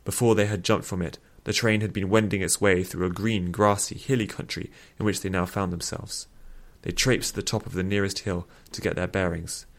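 A man narrating a fiction story aloud in a steady storytelling manner. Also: low-pitched, brisk, hardly any pauses.

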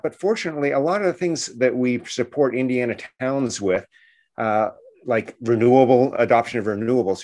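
A man with a medium-pitched, darkish voice appears as an expert guest on a radio interview. He explains things earnestly and often checks in with a short questioning tag.

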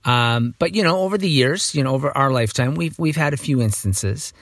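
A middle-aged man hosting a podcast in a casual, rambling monologue, with a slightly hoarse morning voice. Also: medium pitch, lively intonation, brisk, a bit bright, no echo, studio quality. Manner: rambling, self-correcting, chatty. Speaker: podcast host.

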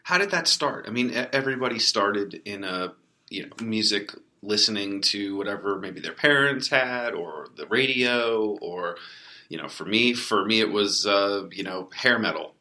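A man's voice: fairly low pitch, animated, moderate pace, sharp tone. A male podcast host chatting casually in an interview. He rambles through fillers and restarts, and his bad microphone makes him sound hollow and boxy, like he is talking into a trash can. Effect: hollow, boxy bad mic, like talking into a trash can.

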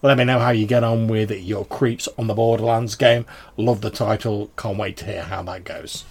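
With a lowish, slightly rough voice and fairly even intonation, a podcast host talks casually through listener messages at normal speed. He is informal and chatty, dropping "dude" often.

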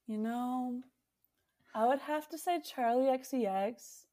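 Chatty young woman, slightly high voice. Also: slow, warm tone. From United States. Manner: chatty, many fillers and restarts. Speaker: singer-songwriter guest. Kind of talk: casual interview.

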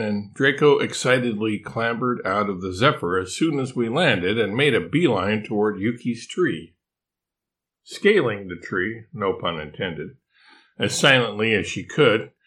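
An older man reading a children's storybook chapter aloud as its narrator, unhurried and expressive. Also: fairly low pitch. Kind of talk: scripted narration.

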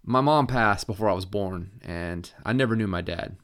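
A young man at a job interview answers hesitantly, tripping over his words, as a male narrator voices him. The tone is fairly low and unsure. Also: moderate pace, a bit bright, smooth, natural voice. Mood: nervous. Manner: hesitant and stammering.

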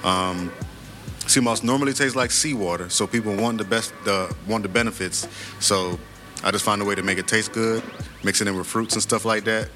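Clear music runs underneath this sea moss vendor, a guest from Florida in the United States, as he makes a casual sales pitch and chats at a moderate pace. His voice is very low, and he sounds plainspoken, self-assured and boastful.

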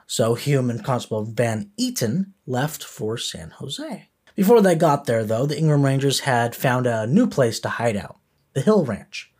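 A man narrates a true history tale as a podcast host, his pitch rising and falling freely as he tells it. He speaks at a middling pitch, with a lively storyteller's delivery and the odd "uh" between phrases. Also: breathy edge. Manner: animated storyteller, occasional filler words.

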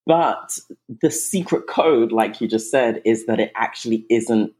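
Speaking at a measured pace in a very deep voice, an English-raised woman chats warmly on a casual podcast as a guest eating coach. Her talk is full of ums and restarts.

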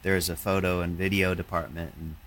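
A man, a painter, talking in a halting, reflective way, with many fillers and restarts. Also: low-pitched, flat delivery, fairly bright tone, a little hiss or hum. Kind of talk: casual conversation.

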